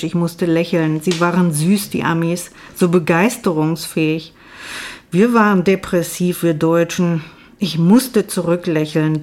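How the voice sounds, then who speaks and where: A woman reading a first-person novel aloud in a measured, dry narrating voice. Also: on the low side. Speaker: audiobook reader.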